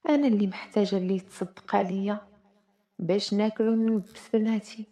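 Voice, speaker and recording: A woman's voice: medium pitch, fairly even intonation, brisk, close to an everyday voice. Woman doing a meek poor Moroccan widow. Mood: humble. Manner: meek, quiet. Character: poor humble widow, mother of seven daughters.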